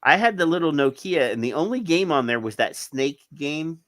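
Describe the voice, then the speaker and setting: A man's voice: a little high, expressive, moderate pace, a bit bright, no room sound. Middle-aged guy on a podcast, sarcastic rambling, dry mic. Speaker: podcast co-host. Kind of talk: casual chat.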